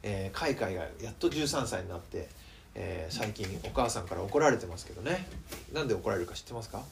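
A man preaching a sermon in a chatty, lively way, asking his audience questions. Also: on the low side, fast talker, creaky, a little hiss or hum. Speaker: pastor.

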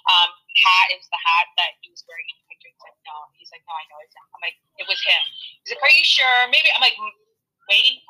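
A woman chats through a tinny phone line, spinning a personal story full of fillers and quoted back-and-forth. Her voice is very bright and edgy, with a husky, breathy grain. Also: lowish voice, lively intonation, fast talker. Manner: rambling, lots of fillers and quoted dialogue. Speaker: podcast guest, spiritual healer. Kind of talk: casual storytelling chat.

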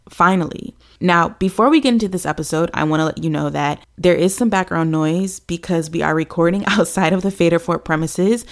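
A woman hosting a podcast gives a chatty, upbeat intro to the episode. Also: lowish voice. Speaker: podcast host.

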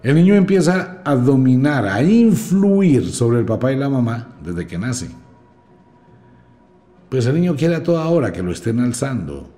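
A man teaching a magic course in a podcast lecture, emphatic and swinging between quiet and loud. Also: mid-range voice, sing-song, unhurried, soft background music.

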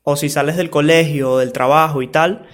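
A man's voice: a little high, fairly even intonation, brisk. Frank slangy man. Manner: frank and loose, with street slang and swearing; talks straight to the listener, asking for agreement. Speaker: vlogger giving advice to parents and teens. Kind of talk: casual advice monologue.

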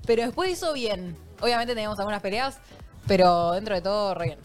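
A woman's voice: medium pitch, fast, soft background music. A young Argentine woman co-hosting a live stream, chatty and laughing at herself. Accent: Argentine Rioplatense. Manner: chatty, laughing, self-mocking. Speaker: co-host. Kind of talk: casual live-stream chat. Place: streaming studio with live audience.

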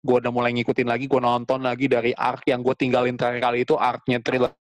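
A man's voice: medium pitch, quick pace, no echo, lo-fi sound. Chatty man with a dry close sound. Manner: slangy, animated storytelling with quoted asides. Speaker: podcast co-host. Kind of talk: casual chat.

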